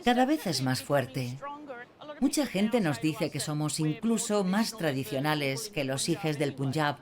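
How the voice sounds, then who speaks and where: A woman's voice: low-pitched, expressive, measured pace. A woman from Australia answering interview questions about her community, speaking in an earnest, proud way. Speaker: interviewee, local community historian. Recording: crowd chatter behind.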